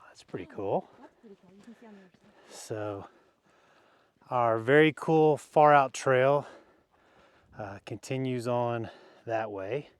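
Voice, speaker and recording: A man's voice: medium pitch, no room sound, studio quality. A man vlogging outdoors as he walks a canyon trail, chatting casually with fillers and small laughs. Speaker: hiking vlogger. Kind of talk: casual narration while hiking.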